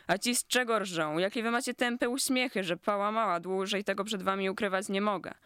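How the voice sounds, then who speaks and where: A reader voicing an irritable young woman who snaps and shouts accusations at her friends in a story. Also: medium pitch, brisk, clear, resonant tone, no room sound, studio quality, close to an everyday voice. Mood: furious. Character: irritable, indignant young woman, quick to fury.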